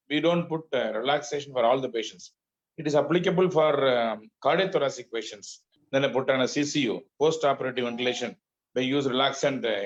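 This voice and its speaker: A man with a South Indian accent lecturing as a doctor, politely, in a halting, repetitive way. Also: mid-range voice, lo-fi sound. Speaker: doctor giving a medical lecture. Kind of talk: webinar lecture and question answering.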